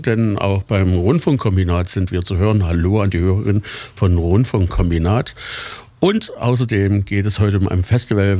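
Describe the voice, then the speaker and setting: Low-voiced radio host, dry close sound. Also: male voice, darkish tone, no echo. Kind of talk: radio show introduction.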